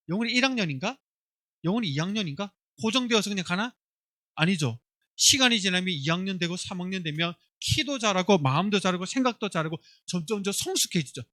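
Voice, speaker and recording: A male pastor with a high, bright voice preaches to a room of children. He keeps it animated and acts out their voices. The sound is close and dry. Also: no room sound. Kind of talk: children's sermon.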